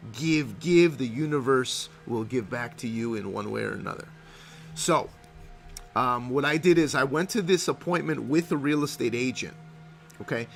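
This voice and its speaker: A man with a slightly high, somewhat bright voice talks casually to camera in vlog style. He's a real estate investor, brash and profane, who keeps checking in with "okay?".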